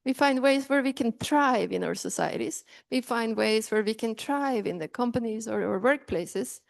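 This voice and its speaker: A woman's voice: a little high, lively intonation, moderate pace, creaky, dry recording. A middle-aged woman from Norway with a Norwegian accent, giving an earnest talk and often restarting her sentences. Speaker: speaker on inclusion. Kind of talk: talk to an audience.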